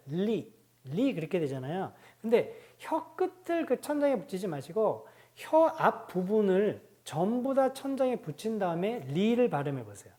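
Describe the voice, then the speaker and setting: Lively, mellow-voiced woman teacher. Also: medium pitch. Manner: explanatory, repeats example words slowly. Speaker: language teacher, book author. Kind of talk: pronunciation lesson.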